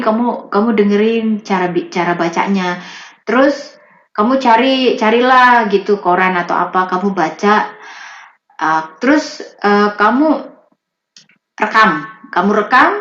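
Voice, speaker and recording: Lively woman in a roomy, dull recording. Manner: lively, explains with quick rises in pitch. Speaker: voice-over artist. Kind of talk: casual interview chat.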